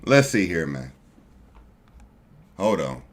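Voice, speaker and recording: A man's voice: sits low, big pitch swings, slow pace, a little hiss or hum. A man hosting a live stream, casually reacting to a video in loose, slangy talk aimed at his viewers. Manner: loose, chatty, slangy, talks to viewers as family. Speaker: streamer host.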